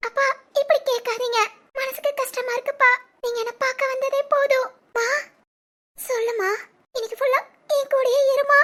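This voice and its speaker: Very high, tearful young daughter, as a woman voices her. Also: level tone, moderate pace, fairly bright tone. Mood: tearful, pleading. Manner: sobbing, pleading, childlike. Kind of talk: cartoon voice acting.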